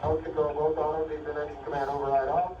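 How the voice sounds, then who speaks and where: A man's voice: a little high, flat delivery, quick pace, mellow, distant mic. Muffled space-radio man calling out readings. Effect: space radio transmission. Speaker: spaceflight crew and mission radio operator. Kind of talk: clipped technical radio callouts. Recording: archival space radio, muffled, echoey, noisy.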